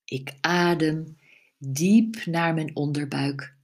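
A woman leading a guided relaxation meditation, giving soft, soothing instructions with long pauses. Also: deep voice.

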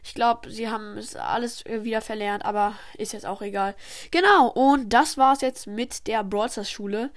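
A woman hosting and narrating her homemade story episode in a chatty, relaxed way. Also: on the high side, moderate pace. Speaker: narrator and host.

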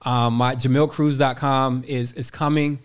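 A man's voice: medium pitch, level tone, measured pace, clean tone. A man in his forties, a podcast guest giving emphatic motivational talk, repeating his phrases and addressing listeners as y'all. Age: 40s.

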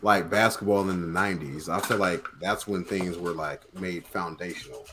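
A man in casual group chat, measured and low-key, his voice dropping at the ends of phrases. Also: fairly even intonation, noisy background.

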